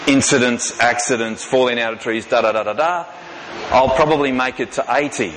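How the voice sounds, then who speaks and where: A man, preaching a sermon in a folksy, self-deprecating way, slowing down to repeat key lines for emphasis. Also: medium pitch. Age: 50s. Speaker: pastor. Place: large church hall. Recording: reverberant hall with background noise.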